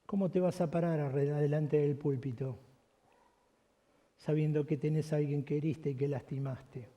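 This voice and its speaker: A man voicing God as a grave, insistent presence, speaking low and hushed in a sermon story. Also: fairly even intonation, normal speed, close to an everyday voice. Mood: solemn, hushed.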